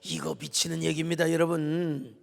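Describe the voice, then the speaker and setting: A Korean pastor giving a dramatic, emotional sermon full of rhetorical questions in a church sanctuary. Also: male voice, on the high side, little pitch movement, moderate pace, vocal fry. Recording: echoey church hall.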